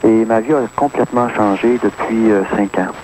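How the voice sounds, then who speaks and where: On AM radio, a caller in his 30s with a Québécois French accent delivers earnest phone-in testimony, hesitating with many fillers. His darkish voice is lowish and moves at normal speed. The recording is low quality, with faint hiss.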